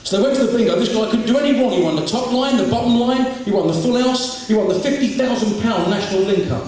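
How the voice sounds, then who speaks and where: A stand-up comedian hosting a charity fundraiser fires off jokes rapidly in a crowded function room, voicing the characters in them. His fairly high voice sounds distant from the mic, and the hall echoes heavily as a lively audience murmurs and laughs.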